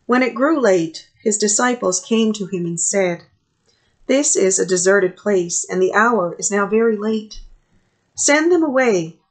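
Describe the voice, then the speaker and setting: Middle-aged woman priest reading morning prayer. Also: medium pitch. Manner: measured, steady reading with pauses between phrases. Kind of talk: reading a liturgy aloud. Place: small office at home. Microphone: webcam at desk distance.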